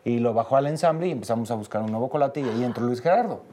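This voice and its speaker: Animated hoarse Mexican man telling stories. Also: medium pitch, rapid-fire, a loud crowd. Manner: animated storyteller, repeats words for emphasis. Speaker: guest actor and singer. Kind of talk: casual anecdote telling.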